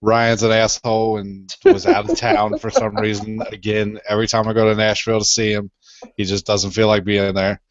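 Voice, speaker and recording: A man's voice: lowish voice, animated, normal speed, no room sound. A man co-hosting a casual podcast, rambling and swearing freely. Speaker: podcast co-host. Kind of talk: casual chat. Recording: dull dry lo-fi recording.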